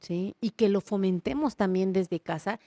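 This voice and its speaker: A woman's voice: medium pitch, normal speed, warm tone, no echo. A woman psychologist explaining ideas on a podcast, guiding and often checking that she is understood. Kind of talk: conversational podcast chat.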